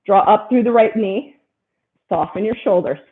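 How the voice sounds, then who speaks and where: A woman leading a yoga class, giving a steady stream of short, encouraging cues about posture and breath. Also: medium pitch, normal speed. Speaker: yoga instructor. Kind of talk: guided yoga class instruction. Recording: tinny phone-like sound.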